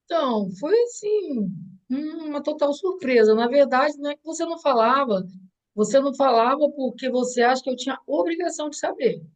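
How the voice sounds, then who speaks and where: Middle-aged Brazilian woman, mother being interviewed; earnest, reflective, restarts a lot, voice sits fairly high. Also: animated, fairly quick, poor audio. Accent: Brazilian Portuguese. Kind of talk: heartfelt conversation.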